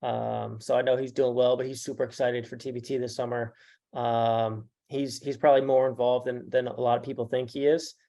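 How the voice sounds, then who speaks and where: A man who manages a basketball team, answering interview questions haltingly with many fillers. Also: medium pitch, flat delivery, creaky, dark tone. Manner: halting, with many ums and uhs.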